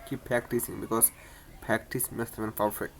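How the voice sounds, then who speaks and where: A man's voice: fairly low pitch, little pitch movement, moderate pace, creaky, background noise. A man hosting his own channel, teaching English in a casual spoken lesson, often restarting and repeating words. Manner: repetitive, many restarts and stumbles.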